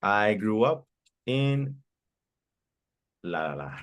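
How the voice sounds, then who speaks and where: A man with a very low, deep voice leads an English class from the United States. He is encouraging and echoes his students' answers back to them. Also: big pitch swings, extremely slow, a bit bright. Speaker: English teacher. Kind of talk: online class Q&A.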